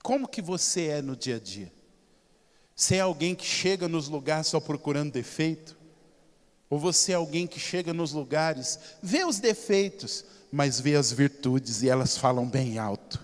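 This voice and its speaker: A man with a Brazilian Portuguese accent preaching a sermon, telling stories emphatically and swinging from loud to soft. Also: fairly high pitch, expressive, moderate pace. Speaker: pastor. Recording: reverberant church hall.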